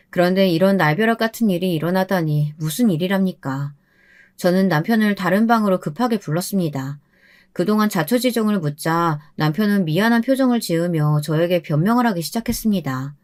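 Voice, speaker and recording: A woman narrating a first-person story in a scripted, expressive way, sounding indignant. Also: medium pitch.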